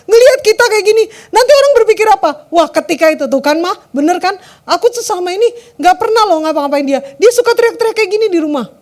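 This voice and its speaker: A woman preacher voicing a heartbroken young wife who cries out in a shrill, tearful plea. Her voice leaps very high and loud. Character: distraught young wife, sobbing and shouting.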